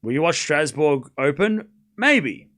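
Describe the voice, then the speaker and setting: A man hosts a live sports watchalong in a hoarse, smoker's rasp. His voice sits a bit high and cuts through brightly and forcefully. He calls play informally and repeats himself between chats with viewers. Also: very animated, unhurried. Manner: informal, repeats scores and phrases. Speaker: host of a live tennis watchalong. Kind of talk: casual live sports commentary and chat with viewers.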